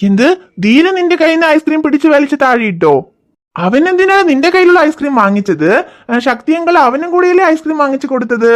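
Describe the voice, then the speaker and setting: Woman voicing a gentle cartoon dad. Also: high-pitched, big pitch swings, quick pace. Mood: soothing. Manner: soothing, coaxing, reassuring. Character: gentle patient father, soothing. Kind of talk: cartoon voice acting.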